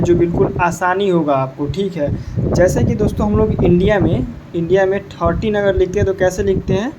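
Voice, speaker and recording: A man from India, teaching a casual video lesson. He explains slowly, repeats words and asks the viewer questions. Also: sits high, recorded from a distance, noisy background. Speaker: language teacher. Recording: echoey room, voice a bit off mic.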